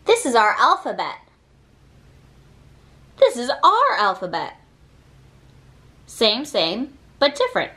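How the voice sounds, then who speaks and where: Reading a picture book aloud for children, a woman speaks in a fairly high voice whose pitch moves in a very lively way. She delivers every short line deliberately and pauses between them.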